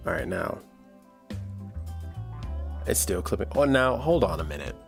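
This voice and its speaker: A man in his thirties makes music on a livestream, chatting casually, rambling, and thinking aloud as he works, with soft music in the background. His lowish voice is gravelly and sing-song, and he talks a little slowly.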